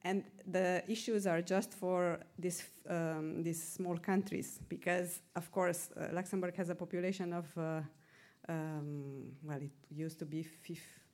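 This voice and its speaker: A woman presenter answering audience questions at a conference, measured and hesitant, with frequent fillers. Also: on the low side, level tone, a little mellow.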